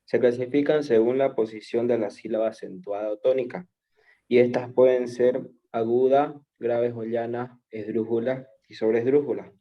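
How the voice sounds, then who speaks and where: A man's voice: medium pitch, steady tone, normal speed. Muffled man student listing examples. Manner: lists examples in a reading tone. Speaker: student presenter. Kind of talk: class presentation. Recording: muffled lo-fi audio.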